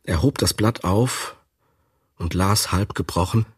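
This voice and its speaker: A man narrating a classic novel for a radio reading, with an expressive, dramatic delivery. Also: sits low, measured pace, husky. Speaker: audiobook narrator. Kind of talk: scripted literary narration.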